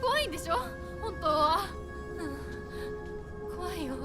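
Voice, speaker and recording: A woman's voice: very high-pitched, lively intonation, normal speed. A woman voicing a desperate, fierce teenage girl in a dramatic video game cutscene, impassioned and demanding, her voice close to breaking. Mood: fearful, pleading. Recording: game audio with loud music. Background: music.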